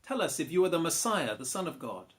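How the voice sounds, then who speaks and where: A man playing a stern, accusing high priest in a dramatised Bible reading, speaking formally. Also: very animated, fairly quick. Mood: stern demanding. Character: stern male high priest interrogating a prisoner.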